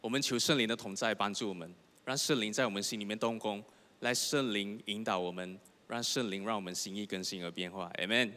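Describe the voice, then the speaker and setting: A man's voice: lowish voice, brisk, sharp tone. A young man, preaching a sermon. He tells his own story earnestly and keeps asking the congregation questions. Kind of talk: sermon with personal testimony. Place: church hall. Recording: long hall reverb.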